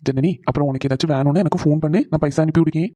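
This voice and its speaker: A man voicing a caring husband in a cartoon, talking quickly and reassuringly. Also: a little high, mellow, no room sound, close to an everyday voice. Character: caring husband on the phone with his wife. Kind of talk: animated cartoon voice acting.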